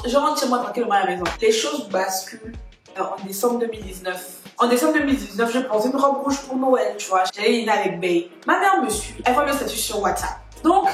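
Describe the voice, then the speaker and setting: A young woman vlogger telling a personal story in an animated, dramatic way. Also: fairly high pitch. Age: young adult. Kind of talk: storytime vlog. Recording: very echoey room.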